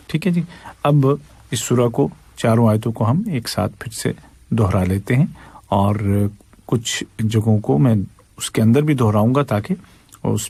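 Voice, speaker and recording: A man with a lowish, creaky, mellow, husky voice teaches Quran recitation with no room sound. He patiently explains pronunciation rules and demonstrates each verse in a slow, drawn-out chant.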